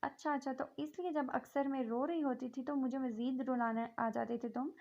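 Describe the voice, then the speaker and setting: A woman's voice: high voice, fairly even intonation, a little fast, a little mellow, muffled recording. A woman voicing a mischievous young woman with a sarcastic edge, in a story reading. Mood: playful.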